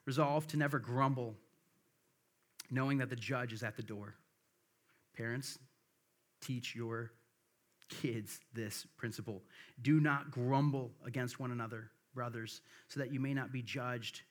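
Reading scripture with earnest conviction, this middle-aged Midwestern pastor, whose accent carries a light Southern softening, speaks unhurriedly and pauses often. His pitch is medium with fairly even intonation, and he keeps checking in with the congregation by asking "right?"

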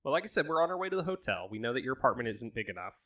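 A man's voice: medium pitch, big pitch swings, rapid-fire, sharp tone. A man voicing a doting, fussy middle-aged mother who talks in a sweet, chirpy and bossy way.

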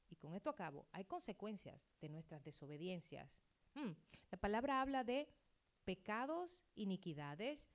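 A middle-aged woman pastor preaching a sermon, acting out quoted dialogue and swinging between loud outbursts and hushed asides. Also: medium pitch.

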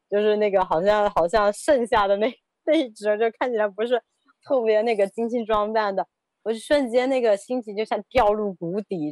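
A woman in her thirties recounts a personal story for an interview. She speaks in a fairly high voice, hesitant and prone to repeating words, with laughter breaking in. The sound is dry and close, with no room echo.

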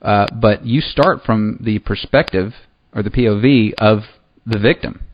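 Man, interview host, lowish voice, relaxed, hesitant, muffled lo-fi audio. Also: measured pace. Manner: relaxed, hesitant, restarts often. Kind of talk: casual interview chat. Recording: muffled lo-fi audio with faint noise.

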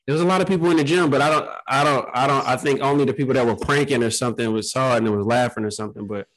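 A man's voice: medium pitch, rapid-fire, fairly bright tone, poor audio. A man talking casually and informally as a podcast guest, telling stories in a loose, slangy way. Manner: informal, peppers talk with "man". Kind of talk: casual chat, storytelling.

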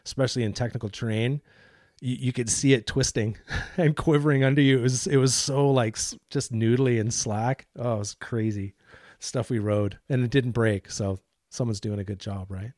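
A man's voice: medium pitch, fairly even intonation, moderate pace, darkish tone, no echo, studio quality. Laid-back man hosting a chat. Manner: casual, laid-back, slangy. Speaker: podcast host. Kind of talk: casual interview chat.

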